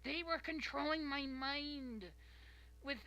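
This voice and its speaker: A streamer doing a frantic, defensive mother who pins every mistake on others' mind-control powers. The voice jumps high above the streamer's own, shrill and rushed, with a bright, tense edge. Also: no room sound, exaggerated voice.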